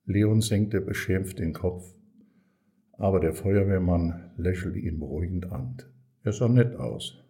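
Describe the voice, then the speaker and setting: A man reading a children's story aloud as narrator, calm and measured. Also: sits low.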